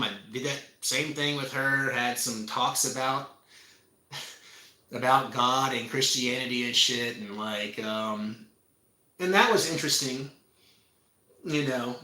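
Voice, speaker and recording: A man's voice: medium pitch, bright, forceful tone. Impassioned, profane man in a roomy space. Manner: profane, emphatic, impassioned, repeats himself. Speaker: spiritual practitioner. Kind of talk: casual confessional monologue. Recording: roomy echo.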